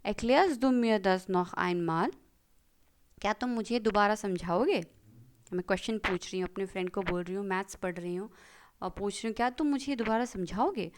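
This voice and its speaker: A woman teaching German grammar in a video lesson, switching between Hindi and English and reading example sentences slowly. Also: mid-range voice.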